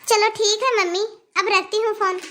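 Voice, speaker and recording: A woman's voice: extremely high pitch, little pitch movement, normal speed, a little hiss or hum. A woman voicing a spoiled, complaining young bride in a cartoon, whiny and boastful. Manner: whiny, boastful, sharp-tongued. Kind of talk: cartoon voice acting.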